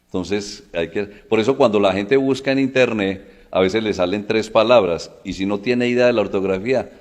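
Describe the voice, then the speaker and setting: A man's voice: fairly low pitch, moderate pace. A man explaining spelling rules in casual talk, with folksy everyday examples and frequent calls to "look". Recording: long echoing reverb.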